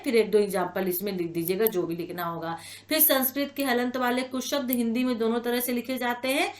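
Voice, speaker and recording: A woman teaching an exam-prep lesson, explaining patiently, repeating each word and checking in with her students. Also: fairly high pitch. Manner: explanatory, repeats words slowly with frequent "ठीक है ना" check-ins. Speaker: online exam-prep tutor. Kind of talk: spoken exam-prep lecture.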